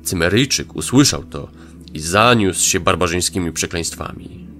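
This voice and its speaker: A man narrating a fantasy audio drama in a measured, dramatic way. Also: low voice, expressive, a bit bright. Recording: narration over faint music.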